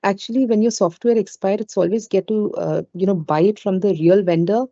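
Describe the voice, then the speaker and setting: Female webinar trainer, Indian accent, mellow conversational delivery, roomy lo-fi call audio. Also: mid-range voice, fairly even intonation, a little fast. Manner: conversational, with frequent "you know" asides. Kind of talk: informal live webinar talk with audience questions. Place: indoors on an online webinar call.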